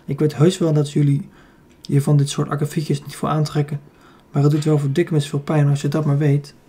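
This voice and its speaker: A man's voice: fairly high pitch, completely flat delivery, a little fast, warm tone, slightly rough. A man voicing a fussy injured young secretary who complains with indignant whining, in an audiobook. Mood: offended.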